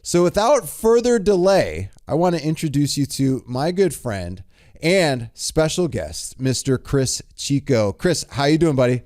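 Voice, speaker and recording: A man's voice: a little high, very animated, a little slow, a little mellow. A man hosting a casual interview, introducing his guest with enthusiasm and often repeating his words. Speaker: host.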